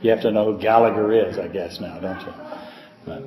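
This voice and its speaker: An older male pastor with a lisp gives a casual, joking Bible lecture in a church hall, reading letters aloud and poking fun at himself. His voice is on the low side, darkish and steady, and a little fast, with the echoey hall adding long reverb.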